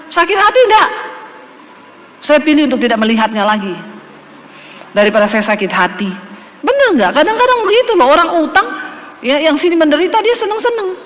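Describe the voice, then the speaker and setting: A woman's voice: very high voice, slight background noise. Emphatic woman pastor in a reverberant hall. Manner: emphatic, addresses listeners directly, sometimes shouting. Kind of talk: sermon to a congregation.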